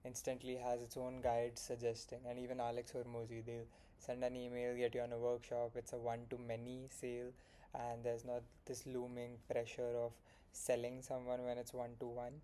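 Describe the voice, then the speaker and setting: A young man with an Indian English accent, a solo founder vlogging his progress, rambles frankly through his day in a late-night vlog full of fillers and self-corrections. His mid-range voice is warm but completely flat, at a moderate pace. There's a little hiss or hum on the recording.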